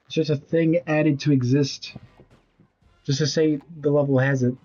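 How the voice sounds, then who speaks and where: A man's voice: fairly high pitch, steady tone, moderate pace, dark tone, lo-fi sound, faint music behind. Man rambling over a video game. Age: 20s. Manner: rambling, blunt, swears casually. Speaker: streamer. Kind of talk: casual gameplay commentary.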